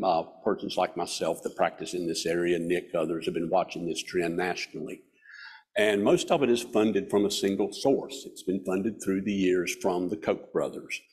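Low, husky Southern Appalachian man. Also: darkish tone. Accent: Southern Appalachian mountain. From Southern US mountains. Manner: folksy, self-deprecating. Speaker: guest speaker. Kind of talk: informal club speech. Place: hall stage at a podium. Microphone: podium microphone.

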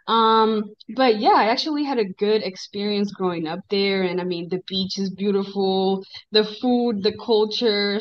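A woman in her twenties from the Dominican Republic, a guest on a podcast, talking in a friendly, relaxed way over a video call. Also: mid-range voice. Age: 20s. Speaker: guest, esthetician. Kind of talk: casual interview chat. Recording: dull video-call audio.

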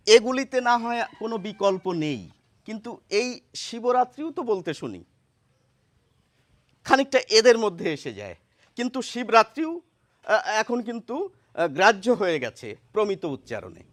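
A man giving a pronunciation lesson, slowly saying example words and contrasting them, and asking his listeners questions. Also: high-pitched, very animated. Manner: slow, deliberate, repeats example words in contrast; addresses listeners directly with questions. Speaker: Bengali pronunciation teacher.

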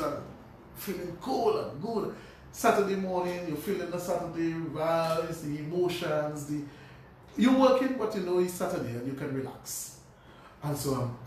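A man, a pharmacist telling his life story as a radio guest, animated, restarting and repeating words. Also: fairly high pitch, far from the mic. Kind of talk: personal storytelling in a radio interview. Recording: very echoey room, voice from off-mic, faint noise.

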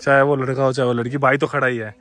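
A man's voice: medium pitch, fast talker. A man vlogging outdoors at a hilltop fort, joking and chatting with passersby. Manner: excitable, joking, calls out to strangers. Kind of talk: casual vlog chat with passersby.

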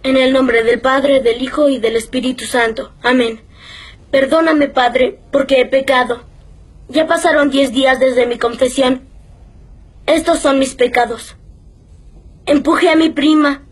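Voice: high-pitched, fairly even intonation, a little slow, slightly rough. A child actor playing an earnest altar boy, confessing solemnly in a confession booth in a film drama. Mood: contrite.

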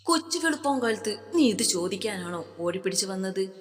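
Anxious older woman, voiced by a woman reader, pleading and hushed, reverberant room. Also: mid-range voice, expressive, normal speed, lightly acted.

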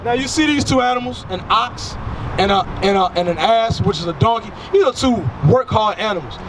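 A man in his thirties preaches outdoors beside a street into a handheld microphone, with passing cars audible as traffic noise. His voice sits high and is expressive and brisk. He is emphatic and full of rhetorical questions.

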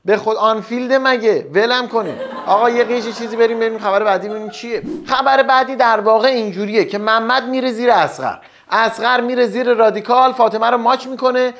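A man's voice: very high-pitched, background noise. Joking male comedy show host. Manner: teasing, joking banter with the audience. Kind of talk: stand-up comedy monologue.

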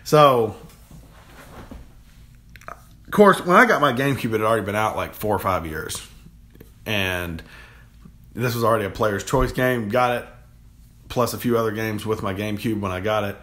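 A man's voice: lowish voice, normal speed, long pauses, fairly bright tone. A young man co-hosting a casual gaming chat, rambling and enthusiastic, often repeating his words. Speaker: co-host of a gaming channel. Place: home room, games on the shelf behind. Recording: echoey room.

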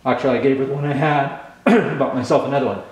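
A man's voice: medium pitch, quick pace. A man in his forties from Canada, casually showing his tools on camera, rambling with lots of ums while chewing gum. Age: 40s. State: chewing gum, slightly mumbled. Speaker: channel host. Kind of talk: casual tool demo vlog. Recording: very echoey room.

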